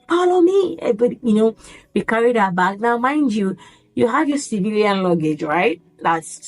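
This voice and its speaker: Animated woman telling a story, lowish voice. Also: rough recording. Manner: animated, acts out the yelling in quotes. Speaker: vlogger recounting her military training. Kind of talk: casual storytelling to camera.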